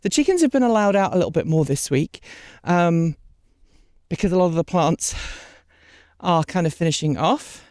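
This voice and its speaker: Her voice is on the low side and a little mellow, animated at a moderate pace with long pauses, recorded in studio quality without echo. She's a vlog host doing a scripted outro to thank supporters on her unscripted outdoor garden vlog, rambling chattily with many ums and sniffling from a cold she's getting over.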